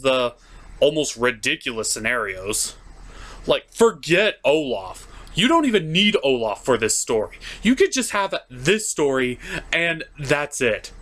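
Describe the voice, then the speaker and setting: Sarcastic and profane, a male show host recaps a cartoon's plot in mock-dramatic fashion for a comedic review. His voice sits on the high side with a bit of brightness.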